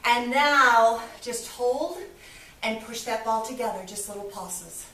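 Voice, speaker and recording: A woman's voice: a little high, takes it slowly, bright, forceful tone. A woman fitness instructor leading a workout, upbeat and encouraging as she counts reps, a little out of breath. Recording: echoey room, voice from a distance.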